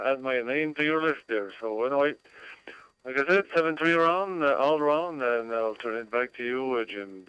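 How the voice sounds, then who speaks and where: A man from Canada gives a casual, halting radio check-in, often repeating himself. His mid-range voice is very clean and dry over a two-way radio link with static. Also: mid-range voice, clean tone, no echo, highs cut off. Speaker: amateur radio operator checking in. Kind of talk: casual ham radio chat.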